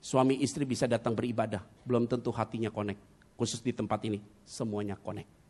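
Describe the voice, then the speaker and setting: A middle-aged male pastor preaching a sermon, telling personal stories dramatically with sudden loud bursts and English words mixed in. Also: on the low side, little pitch movement, quick pace.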